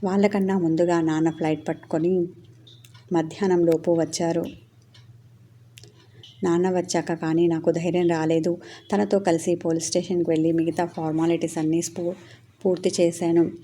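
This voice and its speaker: A woman storyteller narrating a serialized first-person tale. Her voice is low, mellow and even, with little rise and fall, and a faint noise sits behind it. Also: normal speed.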